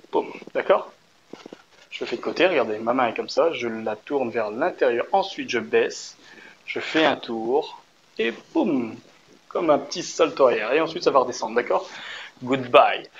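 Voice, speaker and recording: A man's voice: medium pitch, moderate pace. Encouraging male dance instructor, slightly muffled. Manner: encouraging, checks in often with short questions; counts and sounds out beats while demonstrating. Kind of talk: casual dance tutorial. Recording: slightly dull recording with faint room noise.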